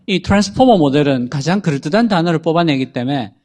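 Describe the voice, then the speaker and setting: A man with a fairly high, expressive, slightly mellow voice explains chatbots on a talk show at a quick pace. As an AI guest, he's patient and explanatory, reading sample prompts aloud.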